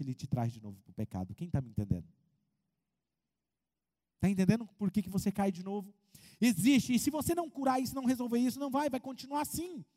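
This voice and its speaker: High-voiced pastor preaching in hall. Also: male voice. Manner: animated preaching, acts out congregants' voices. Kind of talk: sermon.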